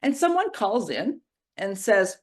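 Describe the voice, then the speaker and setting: A middle-aged woman giving a personal storytelling reflection at a church service, moving from playful to hushed and grave. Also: mid-range voice, sing-song, measured pace. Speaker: worship reflection speaker.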